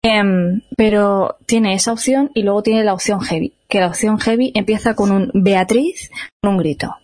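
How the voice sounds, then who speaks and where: Lively woman telling stories. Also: mid-range voice, normal speed. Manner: lively, laughing, acts out quoted voices. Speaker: radio show co-host. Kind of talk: casual storytelling on a radio talk show.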